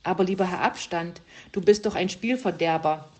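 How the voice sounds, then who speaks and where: A woman's voice: fairly low pitch, normal speed, slight background noise, lightly acted. A woman voicing a pushy, mocking female spirit of closeness in a read-aloud storybook. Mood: taunting. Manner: mocking, taunting.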